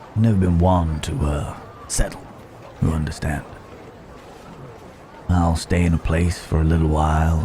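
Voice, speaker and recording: Playing a protective, rugged cowboy drifter for an intimate Wild West ASMR roleplay, a man drawls low and darkish, teasing and comforting as he pauses between thoughts. He sounds wistful and easygoing, with slight hiss or hum in the background.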